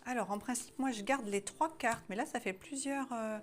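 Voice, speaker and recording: A woman's voice: fairly high pitch, moderate pace. Chatty French-speaking woman reading tarot. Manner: hesitant, many fillers and restarts, chatty. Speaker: tarot card reader. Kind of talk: casual spiritual guidance reading.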